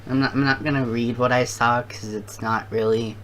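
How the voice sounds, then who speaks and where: A challenge video host talking casually to viewers and thinking out loud in a halting way. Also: medium pitch, fairly even intonation, a little hiss or hum.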